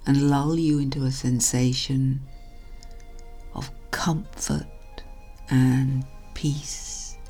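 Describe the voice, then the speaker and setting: A woman hypnotherapist narrating a guided relaxation in a soothing, hushed delivery that trails softly toward a whisper. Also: deep voice. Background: music.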